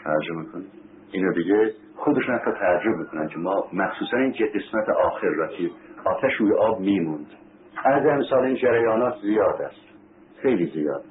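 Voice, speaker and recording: A man's voice: low voice, lively intonation. A man preaching a sermon as a story, repeating phrases for emphasis, asking his listeners rhetorical questions and reciting Arabic scripture. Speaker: religious preacher. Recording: tinny phone-like recording with faint hiss.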